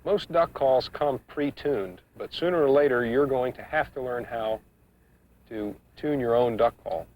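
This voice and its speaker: A man giving an instructional demonstration, explaining each step in a measured, practical way. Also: mid-range voice, a little mellow, slight background noise. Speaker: duck calling instructor. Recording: muffled, dull 1990s instructional video sound.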